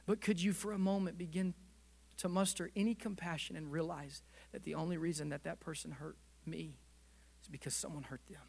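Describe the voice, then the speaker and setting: Pastor, male, higher-pitched voice, preaching storytelling sermon with fervent prayer, church sanctuary. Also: fairly even intonation, a little fast, creaky, a little mellow, husky.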